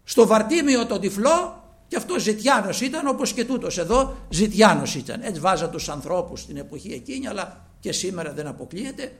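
A man with a high, creaky voice delivers an impassioned sermon, calling the congregation brothers. His delivery swings between forceful loudness and almost whispering.

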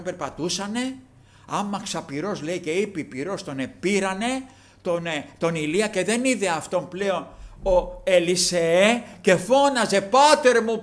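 A man preaching a sermon, addressing his listeners as brothers, rising to loud, impassioned declamation when he quotes scripture. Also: a little high. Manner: frequent fillers and restarts, addresses listeners as brothers.

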